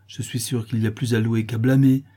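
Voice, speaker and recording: A man reading an audiobook voices a kind, motherly woman who soothes and gently scolds, in a warm, husky voice. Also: mid-range voice, little pitch movement, brisk, lightly acted. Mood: soothing.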